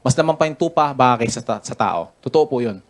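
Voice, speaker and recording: A man's voice: mid-range voice, animated, fast talker. A Filipino man, a business mentor, giving a chatty, joking motivational talk full of stories and laughter. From Philippines. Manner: chatty, jokey, laughs while telling stories. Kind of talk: motivational story-telling talk.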